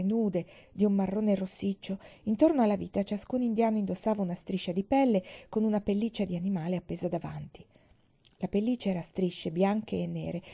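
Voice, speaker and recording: A woman reads a children's story aloud in a gentle, measured way. Her tone is mellow and warm, and her pitch sits in an ordinary middle range. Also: gravelly, breathy edge, dull audio. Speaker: audiobook reader.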